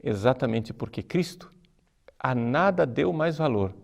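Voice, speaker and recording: A man preaching as a priest, earnest and emphatic, slowing down to stress key words. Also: medium pitch, expressive, vocal fry, darkish tone. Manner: earnest, emphatic teaching with slow deliberate stresses. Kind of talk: sermon.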